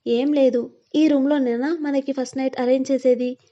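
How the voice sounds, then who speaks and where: A woman's voice: high voice, fairly even intonation, moderate pace, dark tone, muffled recording, lightly acted. A woman voicing a young man, a playful and devoted fiancé who teases affectionately, in a storybook reading. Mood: playful, doting.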